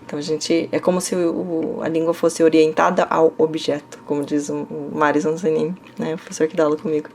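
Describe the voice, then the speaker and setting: A deep, darkish voice with vocal fry and level tone, a little fast and hardly pausing, belongs to a young Brazilian woman from the São Paulo interior who teaches Korean. Over slight background noise, she answers viewer comments in a chatty São Paulo accent, full of "né?" and "tá?", with a bit of laughter.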